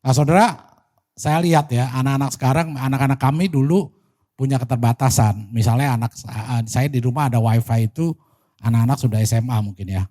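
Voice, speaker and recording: A man's voice: medium pitch, fairly quick, warm tone. A man with an Indonesian accent preaching a church sermon in a conversational way, speaking directly to the congregation.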